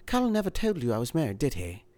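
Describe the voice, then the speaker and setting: A man's voice: mid-range voice, huge pitch swings, fast talker, mellow, pitched above the performer's own voice. A man voicing an anxious, urgent woman. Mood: insistent. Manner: urgent, pleading. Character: anxious, insistent woman in a spy thriller.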